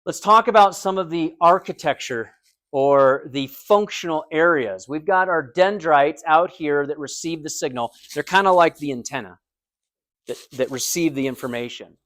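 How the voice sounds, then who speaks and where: Man, American accent, relaxed lecture, asks students questions, dry recording. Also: on the high side, moderate pace, no room sound. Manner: conversational, explains with everyday comparisons and check-in questions. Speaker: anatomy and physiology instructor.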